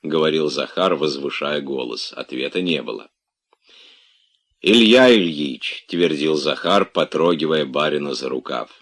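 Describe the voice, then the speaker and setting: A man with a very low voice reads a classic novel aloud. His narration is measured and expressive, steady in its storytelling pace. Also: husky.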